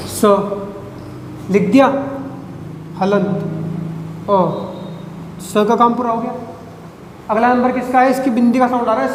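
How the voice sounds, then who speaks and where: A man teaching a grammar lesson at a board, drawing out syllables, repeating them and quizzing his listeners. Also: very high-pitched. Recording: echoey room with long reverb, faint noise.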